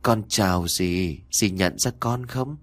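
A man's voice: sits low, takes it slowly, a bit bright, heavily acted. A man doing a wailing young girl ghost. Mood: eerie. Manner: wailing, accusing.

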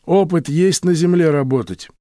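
A man's voice: fairly high pitch, normal speed, dark tone, no echo, studio quality, voice pushed up, lightly acted. A male narrator voicing a laconic middle-aged truck driver who speaks vaguely and without hurry.

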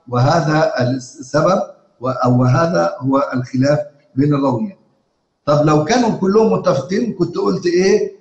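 A man with an Egyptian Arabic accent teaching a live class on Quran readings. He explains in casual speech, stops often on filler sounds, and chants quoted verses slowly. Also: fairly high pitch, reverberant, dull audio. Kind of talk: live lesson to students.

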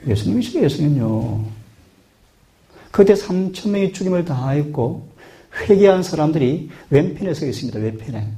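A man delivers a sermon in an earnest, questioning manner. His voice sits a little high but sounds mellow and warm. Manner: earnest, questioning the listeners often. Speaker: pastor.

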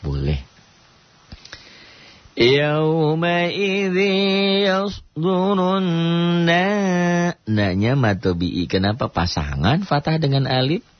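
A man teaching Quran recitation rules on a radio programme, asking himself questions and answering them, and chanting verses slowly to show the rules. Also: sits low, husky, dry recording. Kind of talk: radio tajwid lesson. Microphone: studio radio mic. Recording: dull dry radio broadcast.

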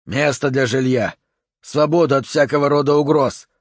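A man reading an audiobook voices a bitter, hoarse male leader of the tunnel dwellers, hissing his words. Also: medium pitch, moderate pace, no room sound, clean studio sound, close to an everyday voice. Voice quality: raspy, hissing.

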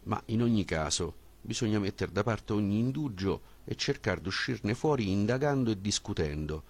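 A male audiobook reader with a very low, deep voice. He reads a philosophical dialogue in a measured, questioning way, posing each point with care. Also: expressive, darkish tone, slightly rough.

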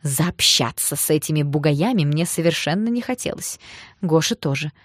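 Woman, lower voice, lively first-person audiobook narration, dry close mic. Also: moderate pace, dry recording.

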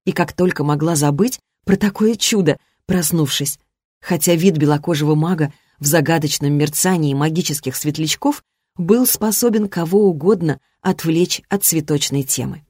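A woman reading a first-person romantic fantasy novel aloud, expressive, lifting her voice for the heroine's lines. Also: low voice, normal speed, slightly rough, dry recording, clean studio sound. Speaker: audiobook narrator. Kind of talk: first-person fiction narration.

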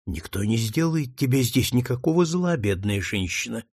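A kind, motherly housewife who comforts a frightened stranger in a soft, soothing tone, as a male narrator reads her part. The voice is gravelly and husky, with a lively rise and fall. It sounds dry and close. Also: mid-range voice, normal speed, dry recording. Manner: soothing, tender. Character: kind gentle woman, a senator's wife.

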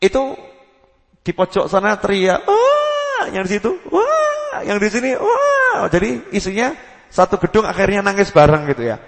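A man giving a sermon to a gathering, lively, acting out quotes and chanting dhikr phrases. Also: high-pitched, fairly quick, creaky. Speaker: preacher. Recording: long hall reverb.

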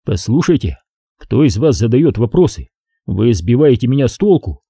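A man's voice: mid-range voice, big pitch swings, moderate pace, warm tone, breathy edge, dry recording, studio quality. A man reading an audiobook, voicing a nervous male researcher answering police questions defensively. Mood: anxious. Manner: anxious, defensive.

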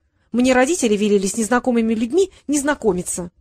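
A woman's voice: fairly high pitch, lively intonation, fast, a little mellow, no room sound. Woman reader doing a prim, snooty young dragoness, dry and close. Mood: indignant. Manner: prim and dismissive.

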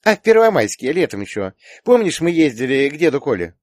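A sassy teenage girl, as a male reader puts her on, bossy and teasing, firing off quick retorts in an audiobook. Her voice sits high and bounces around lively. The recording is dry and close. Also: no echo. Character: teenage girl, sharp-tongued teasing daughter. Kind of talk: audiobook character voice.

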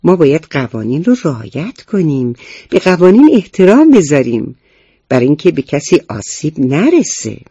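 A man's voice: fairly high pitch, sing-song, mellow, husky, no room sound, dull audio, exaggerated voice. A man voicing an earnest young schoolboy who lectures his parents about safety rules, in a storybook reading. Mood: eager. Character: earnest rule-minded schoolboy, first grader.

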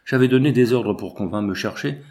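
A man reading the part of an eager, well-off bourgeois father in a storybook, quick to exclaim. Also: medium pitch, a little mellow, close to an everyday voice.

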